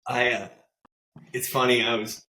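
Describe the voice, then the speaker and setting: A man's voice: medium pitch, flat delivery, measured pace, sharp tone, reverberant, slight background noise, poor audio. A man in his thirties from North Jersey, an easygoing podcast guest who laughs often and stammers a little. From North Jersey, USA. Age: 30s. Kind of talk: casual interview chat.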